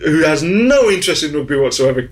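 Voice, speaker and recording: Dad type on the radio, slightly high voice, eager and chatty. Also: male voice, very animated, quick pace. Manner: enthusiastic, warm storytelling. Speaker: radio co-host. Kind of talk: casual radio chat.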